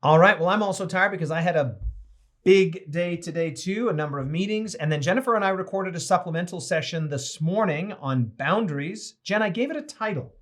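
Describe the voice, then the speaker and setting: A man's voice: sits high, brisk, a bit bright. A man hosting a casual livestream as a pastor, cheerfully greeting viewers by name, a bit tired. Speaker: host and pastor.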